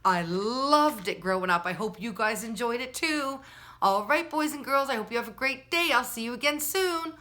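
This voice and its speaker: Her pitch sits fairly high, and her tone is bright and forceful with lively intonation. She's reading a picture book aloud at a children's storytime, taking it slowly, addressing the kids directly, and phrasing things like a storyteller.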